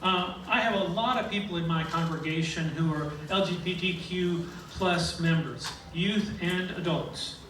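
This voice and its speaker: A man who is a minister giving a measured, earnest public comment at a board meeting. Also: sits high, fairly bright tone. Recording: echoey hall, from far off, noisy.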